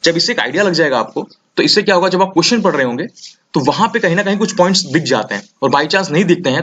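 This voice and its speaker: A young man tutoring exam students in a casual, energetic way, often checking in with "theek hai". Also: sits high. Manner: energetic, repeats "ठीक है" often. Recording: slightly dull lo-fi audio.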